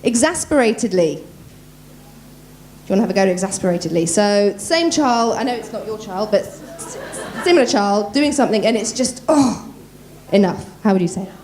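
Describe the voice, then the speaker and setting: A woman voice coach giving a lively workshop at a conference, talking quickly and quizzing the audience. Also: mid-range voice, a little hiss or hum. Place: conference room.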